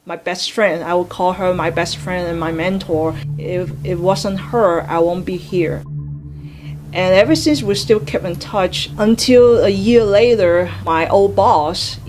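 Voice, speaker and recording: A woman's voice: fairly low pitch, measured pace, noisy background. A woman navy veteran from Hong Kong speaking in an earnest, heartfelt way in an interview. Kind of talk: interview testimony.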